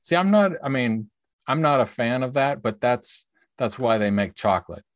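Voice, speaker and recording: A man co-hosting a podcast in casual chat, easygoing and quick to laugh. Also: medium pitch, lively intonation, no room sound, studio quality. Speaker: podcast co-host.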